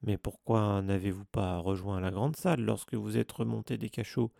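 Casting : homme jouant un professeur sarcastique et méprisant. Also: male voice, fairly low pitch, fairly even intonation, normal speed, vocal fry, warm tone, dry recording, clean studio sound. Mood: narquois. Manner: sneering, mocking. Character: cold sneering male teacher.

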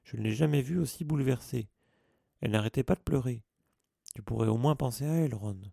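A man voicing a stern, self-important teenage boy prefect who scolds loudly. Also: medium pitch, brisk, creaky, no room sound, studio quality, pitched above the performer's own voice. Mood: scolding. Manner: indignant, scolding.

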